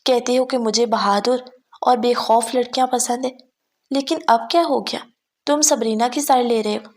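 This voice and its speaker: A woman's voice: a little high, fairly even intonation, a little mellow, close to an everyday voice. A woman voicing a jealous, scornful young woman. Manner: scornful, cutting.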